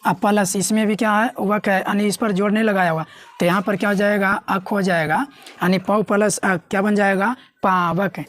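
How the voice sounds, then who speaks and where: A woman's voice: mid-range voice, fairly even intonation, moderate pace. A woman teaching a grammar lesson, often asking herself questions and answering them. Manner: asks and answers her own questions. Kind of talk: classroom lesson explaining at a board.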